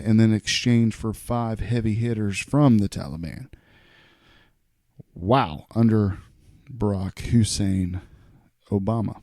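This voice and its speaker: A man's voice: mid-range voice, dark tone, no room sound, studio quality. A man in his forties hosting a solo podcast, offhand and opinionated as he reads news aloud with asides. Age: 40s. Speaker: podcast host. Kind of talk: casual solo podcast commentary.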